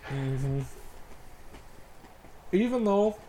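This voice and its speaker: Foul-mouthed joking man, mellow voice. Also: high voice, expressive, very slow, slight background noise. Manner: profane, joking, talks with his mouth full. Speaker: podcast co-host. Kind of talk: casual podcast chat.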